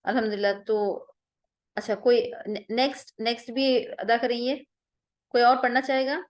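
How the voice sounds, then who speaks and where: A woman's voice: fairly high pitch, fairly even intonation, normal speed. A woman teaching a Quran recitation class online, patiently drilling sounds with repeated vowel examples.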